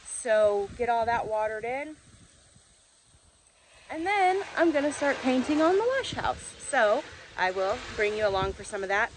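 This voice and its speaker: High-voiced woman vlogging outdoors, tractor rumbling behind. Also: big pitch swings, measured pace, a little hiss or hum, low-quality recording. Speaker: homesteading vlogger. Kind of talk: casual vlog chat to camera. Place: outdoors on a farm.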